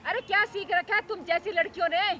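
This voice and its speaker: A woman's voice: very high voice, fairly even intonation, a little fast, bright, forceful tone, soft background music. An older woman acting a scolding mother in a staged drama, lecturing.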